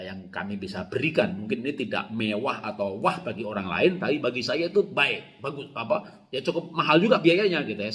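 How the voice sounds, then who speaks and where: Animated Indonesian pastor preaching. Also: male voice, mid-range voice. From Java, Indonesia. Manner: storytelling with laughs and animated quoted shouts. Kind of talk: sermon.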